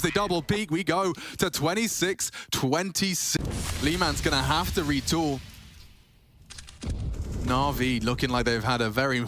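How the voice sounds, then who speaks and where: A man commentates an esports match as a play-by-play caster, his voice pitched a little high. He narrates dramatically, with florid, colourful phrasing. Clear noise and clicks sit behind him.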